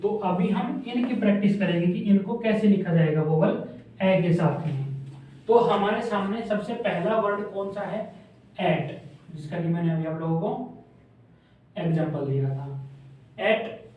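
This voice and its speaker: A man's voice: high-pitched, normal speed. A man teaching a shorthand class who drills sounds aloud and answers his own questions. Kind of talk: classroom lesson. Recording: echoey room, distant mic, dull sound.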